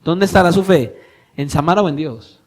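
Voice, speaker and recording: A male pastor preaching a sermon, asking his congregation pointed questions and moving between soft, low lines and louder emphatic ones. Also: normal speed. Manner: questions the congregation directly, swinging from soft to loud.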